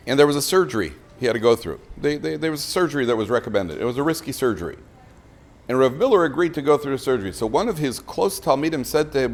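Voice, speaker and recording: A middle-aged rabbi speaks to a breakfast crowd in a lively voice, his pitch rising and falling a great deal. His delivery is facetious and full of asides, and he restarts sentences as he goes. His pitch sits in a typical middle range for a man. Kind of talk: humorous Torah talk to a live audience. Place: breakfast event room.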